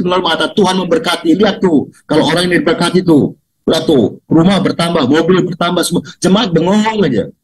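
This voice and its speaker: An older man preaching a sermon over a video call, swinging from loud, mocking highs to low, quiet asides. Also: rough recording. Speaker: pastor.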